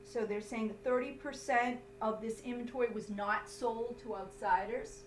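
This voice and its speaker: She's an accounting instructor whose somewhat high voice keeps a fairly even intonation at a moderate pace. Explaining step by step, she teaches in an emphatic, didactic way and checks understanding often. Audio is roomy, miked from a distance, with a faint hum.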